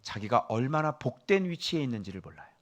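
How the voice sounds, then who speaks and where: A middle-aged male pastor delivering a sermon, scolding and quizzing his listeners, jumping from loud emphasis down to hushed whispers. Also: mid-range voice, very animated, fast talker. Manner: scolding, asks the congregation questions.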